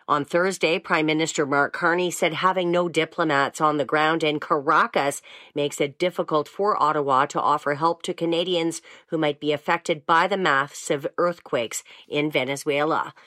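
A woman reading scripted news bulletins in a crisp, even delivery. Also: sits low, normal speed, dry recording, clean studio sound. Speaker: newsreader.

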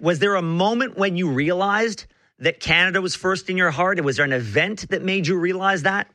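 A man hosting a radio call-in show, talking in halting bursts full of restarts. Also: high-pitched, bright, forceful tone, no room sound. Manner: halting, many restarts and fillers.

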